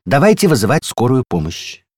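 A man's voice: mid-range voice, wildly swooping pitch, fairly quick, darkish tone, no echo, clean studio sound, voice pushed up. A man voicing a fussy, know-it-all female door handle in a storybook reading, prim and insistent, sometimes dropping to a tragic whisper.

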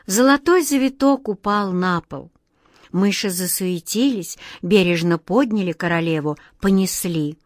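A woman narrating a fairy tale audiobook in a gentle, expressive, measured way. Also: medium pitch, no echo, studio quality. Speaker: storyteller.

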